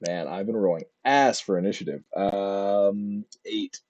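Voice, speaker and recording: A man's voice: lowish voice, unhurried, darkish tone, lo-fi sound. A man playing a tabletop game who makes sarcastic jokes and swears casually. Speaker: player.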